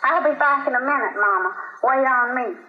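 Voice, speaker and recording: A woman's voice: on the high side, a little fast, lightly acted. A woman reading the part of a frightened grown son, strained and urgent, in a dull, roomy recording.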